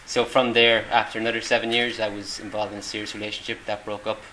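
A man's voice: fairly low pitch, flat delivery, quick pace, bright, forceful tone. A middle-aged Irish man answering interview questions in a hesitant way, with many ums and restarts. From Ireland. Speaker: interviewee, volunteer. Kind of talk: casual interview. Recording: noisy room ambience.

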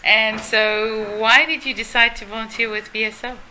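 A woman's voice: a little high, fairly even intonation, normal speed, sharp tone, slight background noise, poor audio. A woman hosting a podcast interview, asking curious questions and reacting briefly. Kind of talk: casual interview.

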